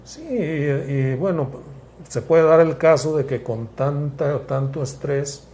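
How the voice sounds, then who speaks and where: A man, a psychiatrist guest explaining things in a measured, step-by-step way with frequent restarts. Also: a little high, mellow. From Mexico. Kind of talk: explanatory interview talk.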